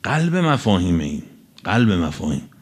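A man preaching a religious sermon to a live audience, stretching out key phrases for emphasis and then rushing through quick asides. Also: deep voice, slightly rough. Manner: animated, swinging between drawn-out emphasis and quick asides.

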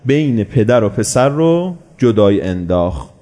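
A man preaching a sermon, telling a story with animated delivery and posing rhetorical questions that he answers himself. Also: fairly low pitch.

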